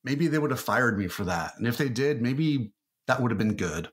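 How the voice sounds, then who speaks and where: A man's voice: medium pitch, expressive, normal speed. A man talking loosely in a podcast interview, full of fillers and restarts. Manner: rambling, many fillers and restarts. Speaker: marketing guest. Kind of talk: casual interview talk.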